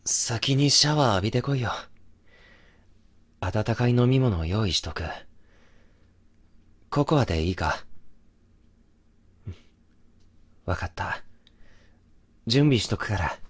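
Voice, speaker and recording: A man's voice: lowish voice, expressive, unhurried, long pauses, breathy edge. A man voicing a young boyfriend in an ASMR situation drama, remorseful, brusque yet tender and protective, talking bluntly and intimately as in pillow talk. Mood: gentle.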